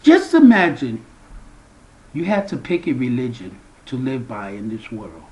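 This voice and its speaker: A man speaks as the founder of a spiritual movement, addressing his viewers directly. His delivery is slow and deliberate, and his pitch swings widely as he leans hard into key words. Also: wildly swooping pitch, rough recording. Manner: slow, emphatic preaching with big swings in pitch and loudness.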